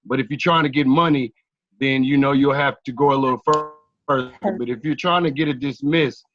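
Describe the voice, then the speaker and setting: A man explaining things slowly on a group call, with halting restarts, and his line keeps cutting out. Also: medium pitch, steady tone, a bit bright, lo-fi sound, faint music behind. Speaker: caller.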